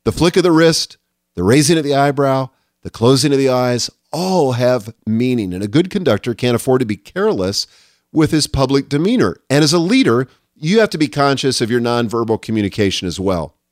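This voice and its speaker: A man's voice: mid-range voice, animated, fairly quick, dry recording, studio quality. Earnest middle-aged male podcast host. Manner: earnest, emphatic, lists numbered lessons. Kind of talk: solo leadership podcast monologue.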